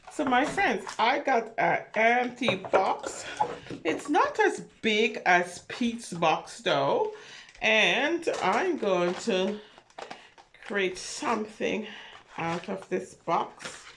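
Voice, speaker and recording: Background noise accompanies a woman with a mid-range voice as she reads a picture story to preschoolers and chats with them directly. As a story reader and craft host for children, she keeps things animated, encouraging and sing-song.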